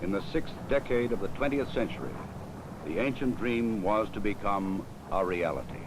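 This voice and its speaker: A man's voice: fairly low pitch, expressive, normal speed, heavy background noise. A man reading solemn, scripted documentary narration. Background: loud music.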